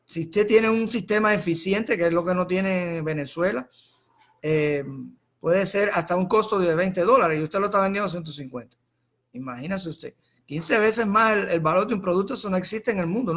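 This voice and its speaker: Speaking in a sharp, bright, high-set voice, a man from Cuba comments on politics during a live stream in an informal tone. His explanations come out in fits and starts as he repeats words and phrases and throws rhetorical questions at his audience.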